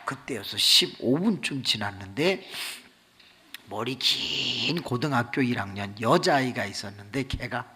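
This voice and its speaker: A middle-aged male pastor preaching at a revival meeting, telling stories in a comic, animated way and acting out the scenes with shouts. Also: mid-range voice, measured pace, slightly rough, big-room sound. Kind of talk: revival sermon storytelling. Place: church sanctuary.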